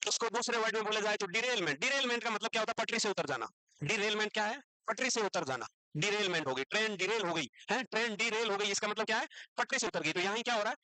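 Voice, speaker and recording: Male teacher, high bright voice and a dry sound, lecturing a class with a teasing call-and-response habit. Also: quick pace, no echo, rough recording. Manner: teasing, asks the class questions and repeats answers.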